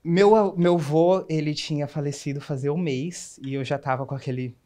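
A man's voice: fairly high pitch, steady tone, moderate pace, mellow. A young man in his twenties with a Brazilian Portuguese accent, a guest speaking openly and earnestly about his life, with frequent restarts. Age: 20s. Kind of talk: candid personal interview.

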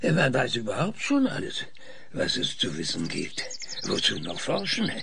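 A weary, sardonic male researcher in a sci-fi audio drama. He talks slowly and thoughtfully with dry irony, his pitch swinging widely and breaking into fry. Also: wildly swooping pitch, pushed and bright, a little hiss or hum, exaggerated voice. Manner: hesitant, thoughtful, dryly ironic. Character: stubborn, sardonic male scientist Winston, probing and weary. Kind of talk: German audio drama acting.

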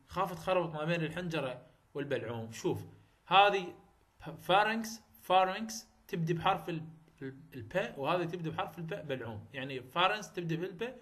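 A man's voice: fairly high pitch, fairly bright tone. A man with an Iraqi Arabic accent giving a university phonetics lecture, often repeating terms and checking that students follow. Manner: repetitive, checks understanding, mixes English terms into Arabic.

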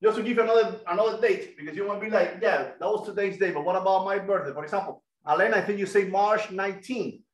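A middle-aged man with a Cuban Spanish accent giving an energetic online math lesson and quizzing students over a video call headset. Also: high-pitched, fast, hardly any pauses, echoey room, poor audio. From Cuba. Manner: energetic, asks students questions. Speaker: guest lecturer.

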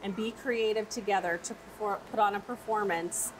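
A woman speaks in a medium-pitched, steady tone at a moderate pace on a low-quality recording with noise in the background. She directs a children's museum and, in a casual and upbeat interview with lots of fillers, explains its play areas.

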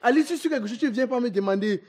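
A man's voice: very high-pitched, fast, a little mellow, a little hiss or hum. A young man playing a son who stammers and pleads with his mother in a comedy web series. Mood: defensive. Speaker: eldest son accused of a scam.

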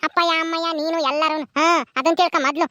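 A woman's voice: extremely high pitch, flat delivery, quick pace, sharp tone, no room sound, dull audio. A woman voicing a scheming, greedy elder sister in a cartoon, talking with a mocking, scolding sneer.

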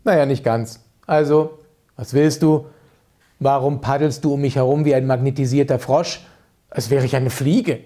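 A man's voice: medium pitch, fairly even intonation, moderate pace, mellow, close to an everyday voice. A man reading aloud plays an eccentric, temperamental music director who talks in a theatrical, capricious way, sometimes scolding, sometimes playful. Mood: teasing.

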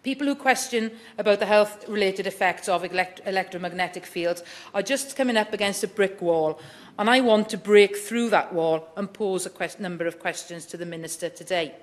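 Speaking a little fast in a mid-range voice, a middle-aged female MP delivers prepared remarks with firm earnestness during a debate in a big, wood-panelled chamber.

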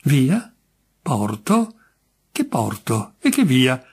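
A bitter middle-aged jinx, as a male reader puts him on, indignant and menacing. His voice is husky and strained, raised well above an everyday register, and he hammers at every point he makes. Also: mid-range voice, wildly swooping pitch, drawn-out words, darkish tone, exaggerated voice.

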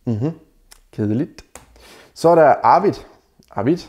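A man's voice: medium pitch, expressive, darkish tone. A man giving casual dating advice to the camera, bluntly mocking the messages he critiques and calling his viewers guys. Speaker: dating advice video maker.

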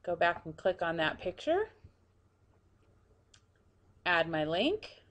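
A woman with a lowish voice walks through a computer task step by step, narrating each click in a hushed, close tone that sometimes drops nearly to a whisper. Light typing and clicking sound faintly in the background. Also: sing-song, slow, slight background noise. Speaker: tutorial presenter. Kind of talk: screen-recorded software tutorial.

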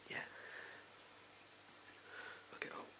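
A young English man in a whispered role-play, playing a shady, amoral backstreet gun dealer with furtive, clipped, offhand sleazy salesman patter. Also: drawn-out words. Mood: furtive, casual. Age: young adult. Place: small indoor room at home. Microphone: close to the camera.

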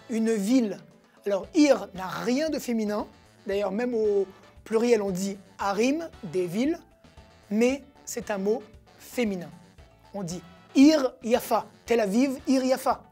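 A woman teaching a recorded language lesson, patiently explaining and repeating words slowly. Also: medium pitch, warm tone, breathy edge.

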